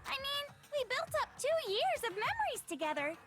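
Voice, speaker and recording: A woman's voice: very high voice, big pitch swings, moderate pace, loud music behind the voice. A woman playing a gleefully deranged teenage girl mastermind in a video game, with a theatrical, mocking, singsong delivery. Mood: breezy, mocking. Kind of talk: English video game voice acting.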